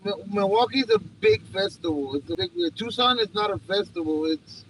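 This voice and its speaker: A man chatting casually as an interview guest, halting and repeating his phrases as he goes. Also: high-pitched, expressive, slight background noise, rough recording. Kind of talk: casual chat.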